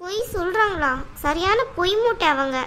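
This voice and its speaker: A woman voicing an upset, sharp-tongued young wife in a cartoon. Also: extremely high pitch, animated, moderate pace, slight background noise. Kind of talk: cartoon voice acting.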